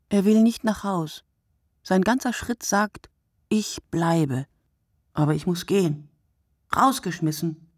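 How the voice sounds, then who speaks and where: Here an actress delivers scripted narration as a weary woman observing the early-morning street from her window in a literary radio play monologue. Her mid-range voice is husky, breathy, and darkish, often dropping almost to a whisper, in measured short phrases; the studio-quality recording has no echo.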